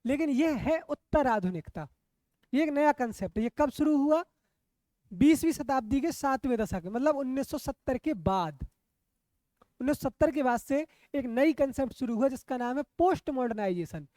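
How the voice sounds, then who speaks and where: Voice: high voice, lively intonation, normal speed, warm tone, no echo. A coaching teacher giving an exam-prep lecture, often asking the class rhetorical questions, checking that they follow and repeating key terms.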